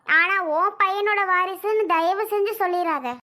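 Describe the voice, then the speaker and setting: A woman's voice: moderate pace, bright, forceful tone. A woman playing a fierce, quarrelsome middle-aged mother-in-law who accuses and demands answers. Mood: angry. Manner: shrill, accusing.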